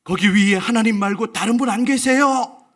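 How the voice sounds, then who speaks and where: A man voicing a desperate man hanging from a cliff branch, shouting and pleading for rescue. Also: high voice, moderate pace, voice pushed up. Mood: alarmed protest.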